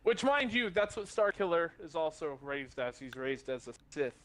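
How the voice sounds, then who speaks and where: A male co-host with a somewhat high voice talks eagerly, tripping over his words and starting again. Faint noise hums behind him. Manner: quick, excitable, stumbling restarts. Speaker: podcast co-host. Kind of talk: casual chat.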